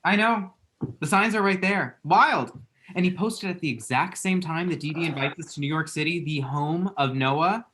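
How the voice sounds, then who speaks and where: A man with a fairly high, sharp-toned voice at a moderate pace reads rom-com lines at a script table read. His character is a dramatic, lovestruck twenty-seven-year-old obsessed with scrolling, who rambles and quips in an excited, insistent mood.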